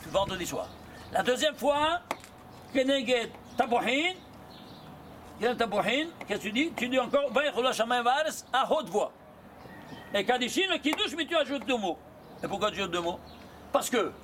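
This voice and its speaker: High-voiced man teaching a Torah class. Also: fairly bright tone, slight background noise. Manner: quizzes students with rapid rhetorical questions; mixes Hebrew terms into his talk. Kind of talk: lively Torah lesson.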